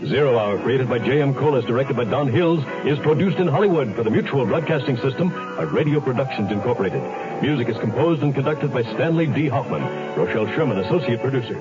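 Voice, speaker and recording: A man announcing the credits and sponsors of an old radio drama in a crisp, formal way, with the sound of an old radio broadcast. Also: mid-range voice, animated, fast talker. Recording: dull old radio broadcast under music.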